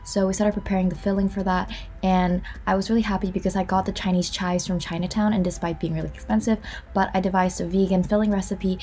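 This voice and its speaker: A woman's voice: mid-range voice, flat delivery, fast talker, mellow. A young woman, a student, narrating her week in an upbeat, chatty vlog style with frequent "um" and "so". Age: young adult. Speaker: student vlogger. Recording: music playing underneath.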